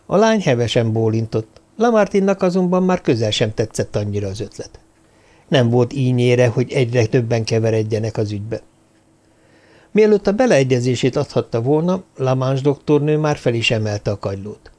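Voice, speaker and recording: A man reads a mystery novel aloud as a scripted audiobook. His voice is mid-pitched, and he delivers the narration in a steady, even storytelling manner.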